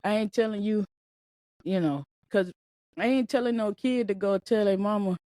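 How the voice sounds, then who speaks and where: A solo podcast host in her late twenties speaks in a mid-range, dark voice at normal speed, with no room sound. Her talk is casual and emphatic, heavy on repetition, like a motivational pep talk.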